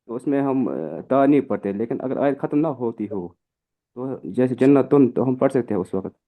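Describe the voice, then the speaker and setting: A man's voice: mid-range voice, expressive. A male student asking a hesitant question in an online class, with many fillers. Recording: tinny phone-like call audio.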